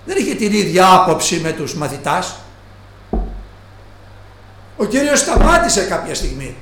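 A man preaching a sermon who slows down and stresses each quoted line of scripture. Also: high voice, very animated, background noise. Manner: slow, stressed quoting of scripture. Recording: echoey room.

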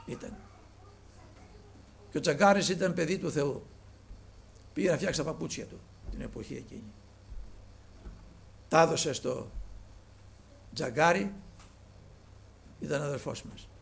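Gravelly, high-pitched fervent preacher. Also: male voice, long pauses. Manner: fervent, rising to loud exclamations then dropping to hushed storytelling. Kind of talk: sermon.

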